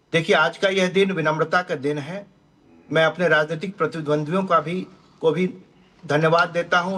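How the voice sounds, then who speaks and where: A man speaking as a party spokesperson on a TV news panel. His voice is bright and forceful and sits fairly high. He speaks in a formal, ceremonious way. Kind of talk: formal political statement.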